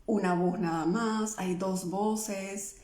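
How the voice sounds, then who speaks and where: A woman's voice: medium pitch, fairly even intonation, slow, warm tone. Echoey woman coaching a live audience. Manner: checks in with listeners with constant questions. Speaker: emotional healing coach. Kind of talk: live stream talk to viewers. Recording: echoey room.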